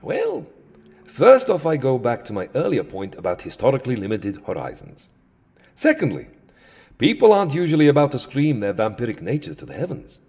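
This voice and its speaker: A male actor plays a weary, settled vampire count in a comic audio drama, theatrical and wry as he swings between boastful, petulant and self-deprecating, with a sardonic mood overall. His mid-range voice is dark-toned, husky and exaggerated, swinging hugely in pitch at a fairly quick pace.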